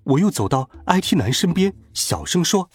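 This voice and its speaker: A man narrating a children's story in a playful, animated way. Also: on the high side, moderate pace, husky. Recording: faint background music.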